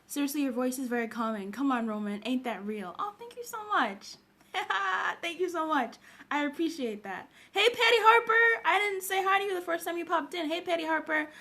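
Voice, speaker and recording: Animated and just awake, a woman from Zambia hosts a casual livestream, greeting viewers by name and laughing frequently. Her high voice sounds pushed and bright, and she keeps a moderate pace.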